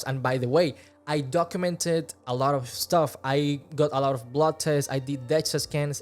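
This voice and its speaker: His voice slightly high, a young Venezuelan man in his twenties vlogs about fitness, addressing the camera in a second language with a Venezuelan Spanish accent. Relaxed and earnest, he gestures with his hands as he talks casually into a large studio mic placed close in front of him in a small room.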